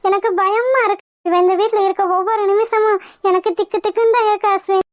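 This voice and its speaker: A woman's voice: very high-pitched, steady tone, quick pace, dry recording, studio quality. A woman voicing a jealous, anxious young wife in a cartoon, scolding and fretful. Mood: fearful. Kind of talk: Tamil cartoon voice acting.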